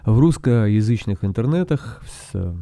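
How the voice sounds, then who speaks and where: A man's voice: fairly low pitch, lively intonation, a little slow, dark tone, no echo, clean studio sound. A man hosting a podcast, opening it in a theatrical ringmaster-like manner with conversational delivery. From Russian-speaking, lives in the United States. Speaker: podcast author and host.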